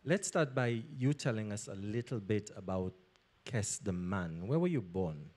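A man's voice: fairly low pitch, expressive, measured pace, a little mellow. A man hosting on stage, introducing the guest with showman energy and interviewing him, using a handheld mic. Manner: showman, hypes the crowd. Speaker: interviewer and emcee. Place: library auditorium stage with audience.

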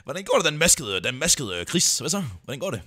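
Slightly high-voiced and fast-talking, a man runs a casual livestream, welcoming viewers. He jokes excitably and tends to repeat himself.

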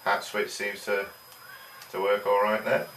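A man's voice: lowish voice, level tone, unhurried, fairly bright tone. A middle-aged man casually reviewing a product at home, talking in a rambling way with many fillers. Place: small home room with desk and computer. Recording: roomy, distant camera audio, faint hiss.

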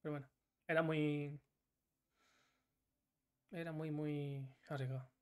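A man's voice: on the high side, flat delivery, slow, clear, resonant tone. Male streamer, frustrated self-scolding gameplay commentary, heavy swearing. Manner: swears often and scolds himself, in bursts of frustration.

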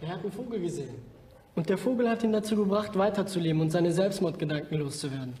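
A blunt streetwise young junkie. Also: male voice, high voice, lively intonation, fast, warm tone, a little hiss or hum. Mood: earnest. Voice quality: rough street slang, blunt. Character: streetwise drug-addicted young man, blunt but caring. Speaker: film character. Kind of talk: film drama dialogue.

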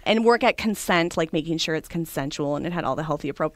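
A woman with a lowish voice explains a clinical therapy in casual podcast talk. She uses fillers and laughs often, and her voice sits close and dry on the mic with no room around it. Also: quick pace, dry recording. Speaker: guest therapist.

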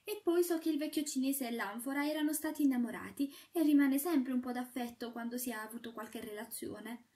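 A woman's voice: brisk, few pauses, dark tone, recorded from a distance, natural voice. Woman voicing a tearful porcelain shepherdess. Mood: anxious. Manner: high, plaintive, exclaiming. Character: pleading porcelain shepherdess girl, fearful, tearful.

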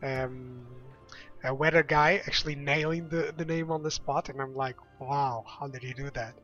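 This young game streamer chats casually with viewers during a let's-play of a strategy game, rambling and laughing easily. His voice is medium-pitched and a bit bright, with fairly even intonation and a moderate pace. The lo-fi recording sounds slightly dull, with game music behind him.

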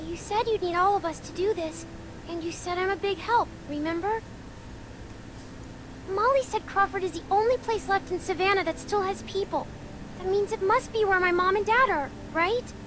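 A woman voicing an earnest, worried little girl of about eight in a video game, asking soft questions. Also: extremely high pitch, moderate pace, noisy background.

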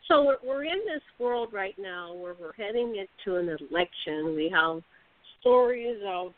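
A woman's voice: medium pitch, animated, a little slow, dry recording. Woman host on a phone line. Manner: probing, moderating, backchannels. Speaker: radio host. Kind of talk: hosting an interview.

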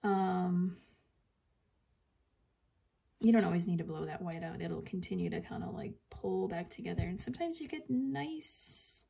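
A woman's voice: fairly low pitch, measured pace, vocal fry, pauses often, dark tone, breathy edge. A woman casually talking through a painting demonstration, chatting and muttering asides to herself as she works. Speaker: art video creator.

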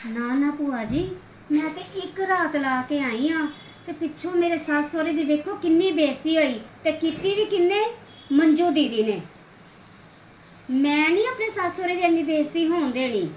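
A fussy young daughter-in-law, played by a woman, pours out her grievances in a high, wailing voice. She speaks in the manner of a homemade family drama. The room rings with echo, and a faint hiss sits underneath. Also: lively intonation, normal speed. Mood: aggrieved.

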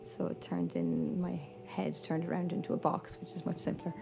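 Female artist, west of Ireland accent, lowish voice heavy with fry, informal interview. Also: level tone, normal speed, poor audio. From Mayo, west of Ireland. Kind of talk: casual interview account. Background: music.

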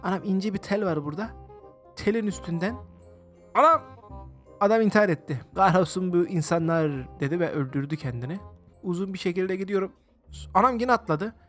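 A man excitedly commenting on his own gameplay, exclaiming often and chatting to his viewers as he plays. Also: high voice, quick pace, soft background music. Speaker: gaming video host. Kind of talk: let's-play game commentary.

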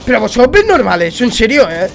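A man's voice: very high voice, big pitch swings, fast, vocal fry, fairly bright tone. Spanish guy from spain ranting over his game, swearing a lot, exasperated. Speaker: gaming streamer. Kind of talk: live gameplay commentary.

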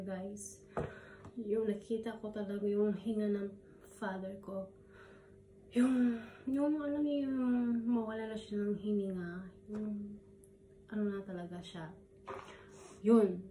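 A Filipino woman vlogger telling a personal story while crying, halting and choked up, with many fillers and English mixed in. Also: medium pitch, warm tone, roomy sound, slight background noise. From Philippines. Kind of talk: tearful personal storytelling vlog. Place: room abroad.

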